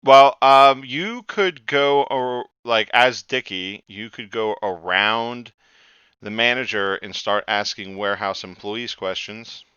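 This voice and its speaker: A man running a tabletop game as game master, halting with fillers, on a dull, lo-fi recording. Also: lowish voice, sharp tone, smooth, dry recording. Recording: dull lo-fi dry sound.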